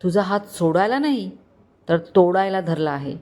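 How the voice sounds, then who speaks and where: A woman's voice: lowish voice, animated, normal speed, lightly acted. A woman voicing an angry, protective young husband who threatens and commands. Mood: furious. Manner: shouting, commanding, stony.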